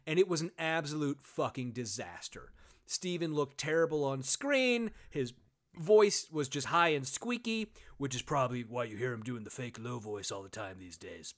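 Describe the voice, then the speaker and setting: A man hosts a casual comedy podcast, sarcastic and swearing freely, with lots of fillers. His voice is mid-range and expressive, at a moderate pace.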